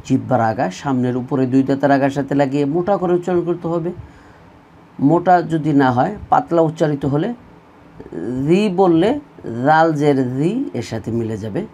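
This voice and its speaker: A man's voice: fairly high pitch, moderate pace, dark tone, a little hiss or hum. A man teaching an online Quran reading lesson, drilling letter sounds in pairs and having students repeat after him. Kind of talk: slow recorded online lesson.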